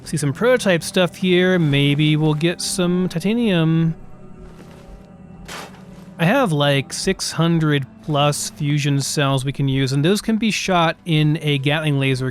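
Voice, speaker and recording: Guy talking over his gameplay, kinda high voice, rambly, faint game music behind. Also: measured pace. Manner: rambling, thinks aloud with restarts. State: hiccuping. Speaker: gameplay commentator. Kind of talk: casual gameplay commentary.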